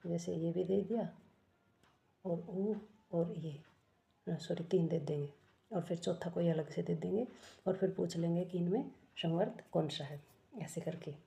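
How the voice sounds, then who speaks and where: A woman's voice: lowish voice, measured pace, creaky, pauses often, mellow. A woman teaching an exam-prep grammar lesson, explaining step by step, asking questions and answering them herself, and correcting herself often.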